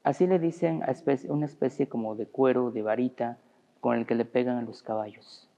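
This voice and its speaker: A priest giving a storytelling sermon, addressing the congregation as brothers. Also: male voice, mid-range voice, fairly even intonation, brisk, dark tone, big-room sound, muffled recording. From Mexico. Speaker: parish priest. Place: church.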